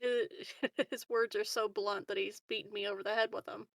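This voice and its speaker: Chatting casually in character during a tabletop roleplaying game, a woman improvises in a giggly, hesitant, rambling way. Her medium-pitched voice keeps a steady tone at normal speed with some vocal fry, and the recording is dry.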